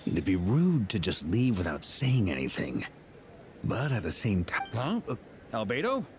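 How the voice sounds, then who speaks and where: A man playing an excitable, dramatic young man in a video game, theatrical and exclamatory. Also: on the low side, normal speed, noisy background. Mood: puzzled. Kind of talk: video game character acting. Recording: music behind the voice.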